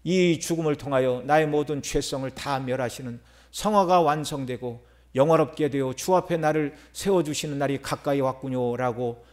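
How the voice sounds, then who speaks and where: A middle-aged male pastor delivering a sermon, with rising emphasis and dramatic pauses. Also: medium pitch, darkish tone.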